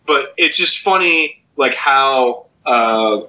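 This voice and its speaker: A man's voice: mid-range voice, animated, slow, sharp tone, highs cut off. A man co-hosting a podcast, chatting casually and riffing wryly. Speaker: podcast co-host. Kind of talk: casual chat.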